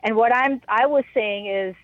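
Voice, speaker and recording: A woman answering an interviewer's questions over the phone, halting and stumbling over her words. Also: fairly high pitch, no echo. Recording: tinny phone line.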